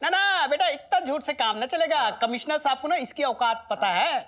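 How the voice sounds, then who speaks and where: A woman's voice: high voice, moderate pace, noisy background. A woman in a comedy serial speaking in a rustic, scolding way. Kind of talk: comic sitcom acting.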